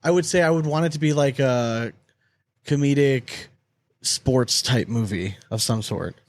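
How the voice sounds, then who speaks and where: A man's voice: medium pitch, a little slow. A young man co-hosting a podcast, chatting loosely, joking and swearing casually. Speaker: podcast co-host. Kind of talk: casual chat.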